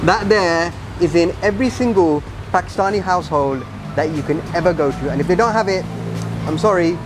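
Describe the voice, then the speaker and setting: A man's voice: sits high, a little fast. A man hosting a travel and food vlog, chatting casually to viewers on location. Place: on location in busy streets and shops. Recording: music behind, outdoor street sounds. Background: music, traffic and urban sounds.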